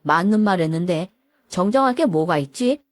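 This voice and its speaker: A woman voicing an older man who heads a law firm and speaks calmly and firmly as a protective father. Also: fairly low pitch, normal speed, dry recording, close to an everyday voice.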